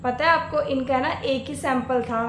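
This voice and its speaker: A woman playing a meek, polite young bride in a family skit drama, speaking softly and respectfully. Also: high voice, moderate pace, echoey room, faint music behind, natural voice. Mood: pleased. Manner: soft, yielding, speaks respectfully. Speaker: daughter-in-law.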